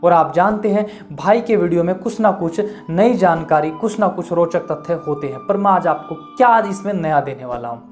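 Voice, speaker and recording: Male host, emphatic rhetorical explainer, quizzes the listener and answers his own questions, soft music underneath. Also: sits high, lively intonation, moderate pace, few pauses. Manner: poses questions to the viewer and answers them himself; earnest, emphatic delivery. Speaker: YouTube channel host.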